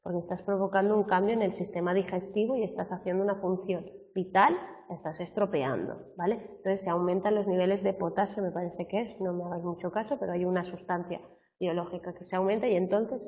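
A woman's voice: fairly low pitch, creaky. Woman lecturing a class, heard from afar. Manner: chatty, peppers sentences with "¿vale?" tags. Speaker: teacher. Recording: roomy classroom, far from a dull mic.

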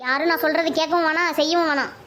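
A stubborn village mother in a cartoon, her voice squeaky and extremely high, as a woman voices her. She scolds in a fast, bitter torrent and will not be talked round. A faint hum of background noise sits behind her. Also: fairly even intonation, a bit bright. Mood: scolding, bitter. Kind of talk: animated family comedy-drama.

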